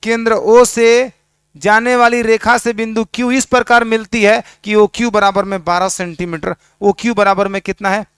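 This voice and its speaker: A man's voice: high voice, level tone, normal speed, few pauses, a bit bright, clean tone, no echo, clean studio sound. A male maths teacher, lecturing a class at the board and teasing his students with constant questions.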